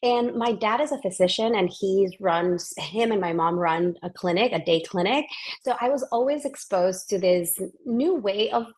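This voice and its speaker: Guest, woman, 40s, from Ecuador, chatty and lively, often restarts mid-sentence. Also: mid-range voice, normal speed. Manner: restarts often, animated and enthusiastic. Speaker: guest, physician scientist. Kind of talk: casual interview conversation.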